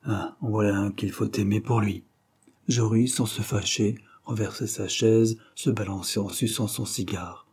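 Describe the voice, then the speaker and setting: Guy reading an old novel aloud, steady and measured, dark husky voice. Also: lowish voice. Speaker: audiobook narrator. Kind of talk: scripted narration of a classic novel.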